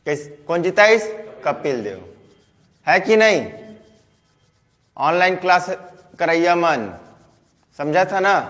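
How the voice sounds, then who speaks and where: A man's voice: high-pitched, fairly bright tone, long reverb tail. Chhattisgarhi man chanting in a lesson. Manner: call-and-response questions, chanting repeated words. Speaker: teacher. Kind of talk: online class mnemonic lesson.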